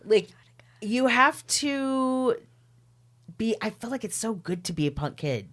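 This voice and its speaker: A woman hosting a podcast, chatting casually with quick friendly interjections. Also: fairly high pitch, very animated, fairly bright tone. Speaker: podcast host.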